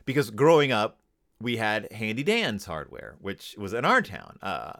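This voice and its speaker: Fairly low-pitched and creaky yet fairly bright, this podcast host sounds very animated while speaking a little slowly. He chats comically and casually about a children's book, rambling, digressing and correcting himself.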